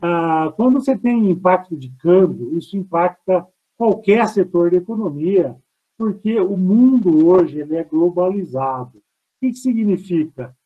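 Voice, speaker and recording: Brazilian male professor, high voice, lecturing over a tinny headset mic on a call, poses rhetorical questions. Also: animated, a little slow. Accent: Brazilian Portuguese. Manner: explains step by step, asks himself rhetorical questions. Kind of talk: online lecture answering audience questions.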